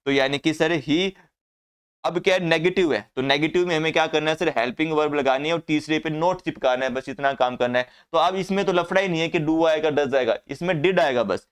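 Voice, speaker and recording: A man's voice: fairly high pitch, a little fast, clean tone. A man teaching an English grammar class, often asking the class questions and answering them himself.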